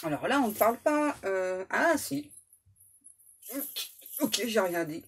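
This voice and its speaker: A woman's voice: mid-range voice, sing-song, slow, slight background noise. A woman tarot medium giving a casual reading, playful and slangy, with joking asides to her spirit guides.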